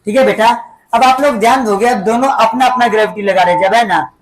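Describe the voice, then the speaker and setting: A woman with a slightly high voice teaches a school lesson. She explains in small steps and keeps pausing to fire repeat-back questions at the class, tagging nearly every sentence with a quick check-in. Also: crowd noise. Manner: tags sentences with "है ना" and "ठीक है बेटा".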